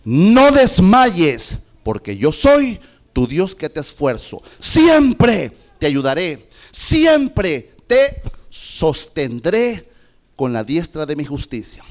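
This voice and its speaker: A fairly high-pitched, middle-aged Salvadoran man delivers a testimony sermon at church. His pace is slow and forceful, punctuated by abrupt shouts.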